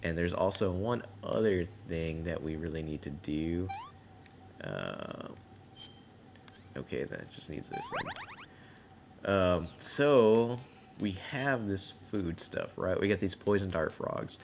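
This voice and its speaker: A man's voice: sits low, huge pitch swings, takes it slowly, gravelly, noisy background. A man giving casual live gameplay commentary as a game streamer. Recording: loud game music mixed in. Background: loud music.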